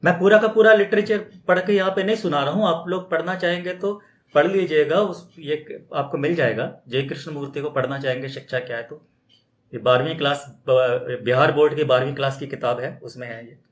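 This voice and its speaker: A man's voice: fairly high pitch, fairly quick. A man giving an unscripted spiritual talk, speaking conversationally, throwing out rhetorical questions and mimicking other people's objections. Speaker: spiritual teacher. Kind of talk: extempore spoken talk. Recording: roomy echo.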